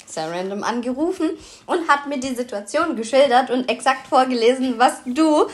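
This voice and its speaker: A woman's voice: high-pitched, animated, normal speed. A young woman co-hosting a podcast, chatting casually and laughing often. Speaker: podcast co-host.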